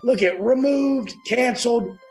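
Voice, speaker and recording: A man tears into a client in a high, strained voice, cursing and shouting again and again. His call is played back as a clip over faint music. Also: unhurried, vocal fry. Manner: berating, profane, shouting. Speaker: fitness coach on a call. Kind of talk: clip of a heated phone call.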